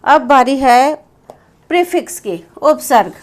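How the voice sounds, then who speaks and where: A woman teaching a grammar lesson, explaining slowly and repeating herself, spelling words out letter by letter. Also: high voice, very animated.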